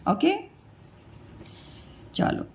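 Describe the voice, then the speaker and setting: A woman's voice: extremely slow, darkish tone. A woman teacher giving a pronunciation lesson, patiently repeating each sound and quizzing her students.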